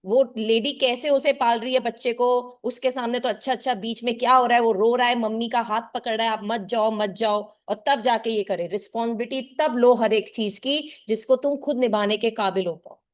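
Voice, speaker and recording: A woman's voice: a little high, fairly even intonation, fairly quick, hardly any pauses. A middle-aged woman tutor giving an earnest motivational talk to her class and calling her students "child.". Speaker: tuition teacher.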